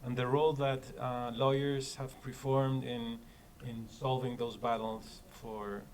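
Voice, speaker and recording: A man's voice: medium pitch, flat delivery, measured pace, a little mellow, slight background noise. A man from Chile, a law professor, introducing his work thoughtfully with restarts and fillers. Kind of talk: panel self-introduction.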